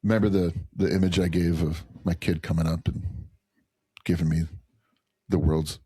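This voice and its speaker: A man's voice: low voice, fairly even intonation, normal speed, dark tone, slightly rough, no room sound. A man speaking as a podcast guest, earnest and rambling, restarting his sentences in casual conversation.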